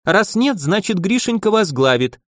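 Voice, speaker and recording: A man's voice: sits high, sing-song, normal speed, no echo, clean studio sound, pitched above the performer's own voice. A man voicing a domineering noblewoman who scolds her husband, bossy and insistent. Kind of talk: audiobook character voice.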